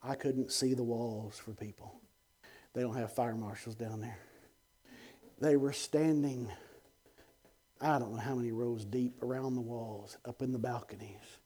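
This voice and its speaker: A middle-aged man, a guest evangelist, telling an animated testimony on a TV show, dropping to hushed tones and bursting out loud with chuckles. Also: measured pace, long pauses. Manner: swings between hushed low tones and loud excited outbursts, chuckling.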